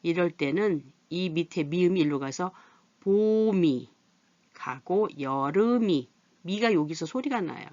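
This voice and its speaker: A woman's voice: low-pitched, no echo, dull audio. A middle-aged woman teaching a patient adult literacy lesson. She asks questions and then answers them herself.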